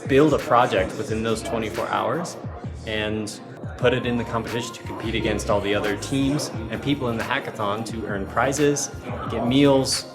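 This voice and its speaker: A man's voice: fairly low pitch, normal speed. A young man who leads a student hackathon planning team, explaining the event in an upbeat, fluent interview answer. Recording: music bed under voice.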